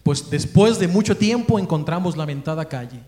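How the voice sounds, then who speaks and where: A man with a Mexican accent giving a religious talk, telling a story in a lively way and acting out the people he quotes. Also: fairly high pitch, moderate pace, roomy sound. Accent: Mexican Spanish.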